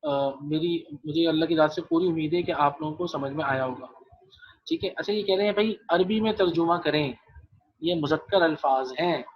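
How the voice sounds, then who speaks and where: A man's voice: fairly high pitch, highs cut off. A male Arabic teacher giving an online class. He repeats phrases patiently and calls on students by name.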